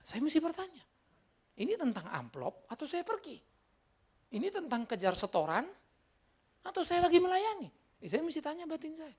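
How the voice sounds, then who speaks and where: A middle-aged male pastor preaching a sermon in an animated, colloquial way, with asides. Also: very high-pitched, brisk.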